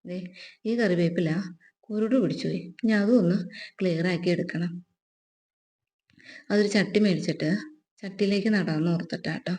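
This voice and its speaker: A woman with a Keralan accent talks easily outdoors in her garden while birds chirp nearby. She chats at a mid pitch and tags nearly every sentence with a friendly little aside, like catching up with a neighbour. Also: steady tone, moderate pace, long pauses, darkish tone. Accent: Keralan Malayalam. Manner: chatty, adds a tag to nearly every sentence. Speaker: vlogger. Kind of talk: casual gardening vlog.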